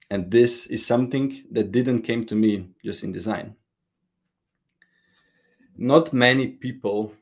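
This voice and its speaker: A man speaks at a slightly low pitch. He delivers a prepared conference talk earnestly, a little nervous, with small grammar slips. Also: darkish tone. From Slovenia.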